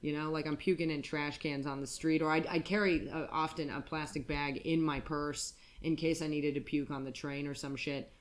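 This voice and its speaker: An American woman co-hosts a podcast, chatting casually and telling frank, crude stories with lots of fillers and restarts. Her voice sits low with fairly even intonation, at a normal speed and with hardly any pauses.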